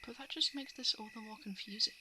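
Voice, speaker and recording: A woman delivers an ASMR roleplay monologue as a guarded, coolly predatory shapeshifting monster who eats hearts, sounding dismissive and wistful. Her natural voice is on the high side and fast, against clear background noise of crickets, frogs, and other night insects.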